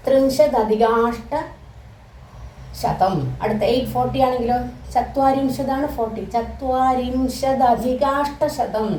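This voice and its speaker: A woman whose first language is Malayalam, teaching a lesson and stretching out each term slowly between explanations. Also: on the high side, dark tone, a little hiss or hum. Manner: switches between quick explanation and slow, drawn-out recitation. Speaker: Sanskrit teacher. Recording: echoey room, voice somewhat far from mic.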